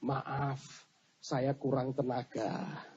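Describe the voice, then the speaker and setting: A preacher voicing a small, weak, humble angel who speaks quietly and apologetically. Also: male voice, mid-range voice, little pitch movement, very slow, slight background noise. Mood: meek. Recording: dull lo-fi sermon recording.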